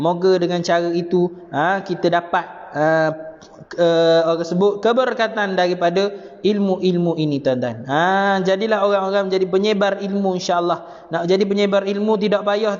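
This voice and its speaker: A man with a Malaysian Malay accent teaching Quran recitation live online, explaining the rules step by step, repeating phrases and chanting the verses slowly. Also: high voice. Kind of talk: live online tajwid lesson. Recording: dull sound with long reverb.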